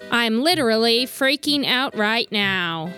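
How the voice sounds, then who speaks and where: A woman playing a deadpan, eccentric female president in a children's comedy audio drama. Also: on the high side, music in the background. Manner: deliberate, deadpan. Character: deadpan, dull woman president with odd tastes.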